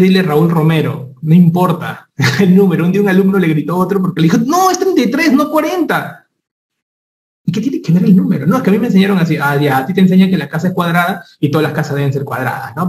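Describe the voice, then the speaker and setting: Male med lecturer, fairly high voice, animated, echoey room, faint hiss. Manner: animated, rhetorical questions, addresses student directly. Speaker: medical lecturer. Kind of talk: lively teaching talk.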